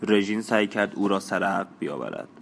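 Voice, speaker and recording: A man narrating a novel in a steady, measured reading, now and then adding brief casual asides. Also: low-pitched, vocal fry, slight background noise. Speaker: audiobook narrator.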